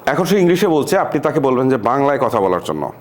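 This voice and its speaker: A man's voice: medium pitch, sing-song, quick pace. A man hosting a casual tutorial, chatting to viewers as he demonstrates an app and often mixing English words into his speech. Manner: chatty, keeps saying "see" to viewers, mixes in English words. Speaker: tech tutorial host. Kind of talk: casual screen-recorded tutorial.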